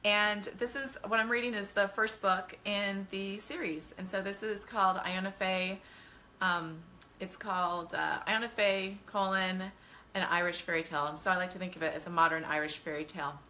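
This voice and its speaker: A children's author hosts a casual live bedtime-reading stream, chatting with viewers in a gushing, enthusiastic way. Her mid-range voice is pushed and bright, with fairly even intonation and a moderate pace, over slight background noise.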